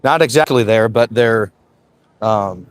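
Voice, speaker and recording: A man in his twenties hosts a casual livestream, walking and reading viewer comments in a relaxed, loose way full of "uh" and "man." His voice is fairly low and slow, recorded dry.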